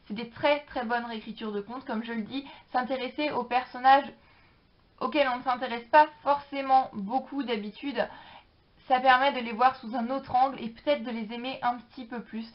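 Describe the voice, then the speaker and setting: A woman giving a chatty, enthusiastic book review with many hesitations. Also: fairly high pitch. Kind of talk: casual book review vlog. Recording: dull lo-fi sound.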